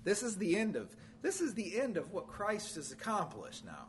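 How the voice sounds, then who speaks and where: A man preaching a sermon, emphatic and repetitive, swinging between loud declarations and low, quiet phrase endings. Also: huge pitch swings, moderate pace, a little hiss or hum.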